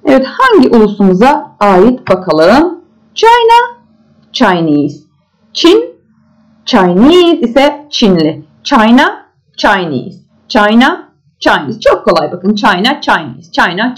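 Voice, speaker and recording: A woman teaching young children English, slowly drilling each word again and again, with sing-song jumps on the English words. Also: mid-range voice, darkish tone, low-quality recording. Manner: slow repetitive drilling of words. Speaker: primary school English teacher.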